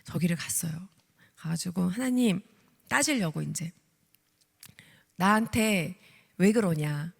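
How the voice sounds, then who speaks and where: A woman deaconess in her thirties giving an animated testimony sermon, acting out her own prayers as she tells the story. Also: fairly low pitch, takes it slowly, creaky, long pauses. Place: church sanctuary. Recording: long hall reverb.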